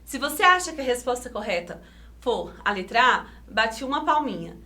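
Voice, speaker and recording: A woman teacher with a Brazilian Portuguese accent, giving a video lesson to children, sounding out syllables slowly and clearly and asking coaxing questions. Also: on the high side, sing-song, pushed and bright. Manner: slow, over-enunciated syllables, coaxing questions.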